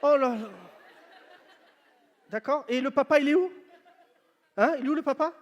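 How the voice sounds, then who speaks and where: High-voiced comedian teasing a crowd. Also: male voice, moderate pace, highs cut off. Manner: teasing, loud banter with the audience. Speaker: stand-up comedian. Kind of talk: stand-up crowd work. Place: large venue on stage. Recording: live show with long hall reverb.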